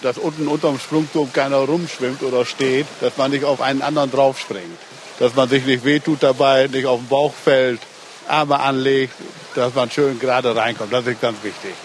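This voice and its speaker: An older retired lifeguard answering interview questions at an outdoor pool in a plain, matter-of-fact way. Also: male voice, mid-range voice, fairly even intonation, normal speed, a little hiss or hum.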